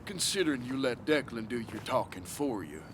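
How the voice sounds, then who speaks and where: A man's voice: medium pitch, big pitch swings, brisk, natural voice. Menacing street thug, an actor playing a taunting tough guy, outdoor traffic noise behind. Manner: taunting, threatening. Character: menacing small-town male thug.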